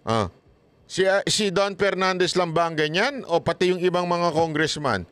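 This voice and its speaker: A man's voice: high voice, lively intonation, normal speed, fairly bright tone, clean tone. A man giving casual political commentary, mocking and laughing often, throwing rhetorical questions at his viewers.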